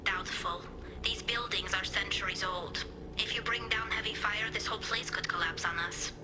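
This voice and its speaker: Tali over a sci-fi communicator. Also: female voice, mid-range voice, moderate pace, poor audio. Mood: urgent. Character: young female alien engineer, earnest and brave. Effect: sci-fi communicator radio transmission. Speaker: squad ally on comms. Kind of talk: video game voice acting. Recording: game audio with loud music underneath.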